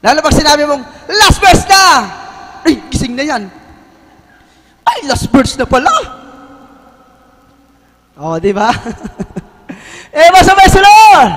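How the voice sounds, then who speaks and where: High-voiced preacher shouting praise. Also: male voice. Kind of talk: sermon testimony. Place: church hall. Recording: long hall reverb.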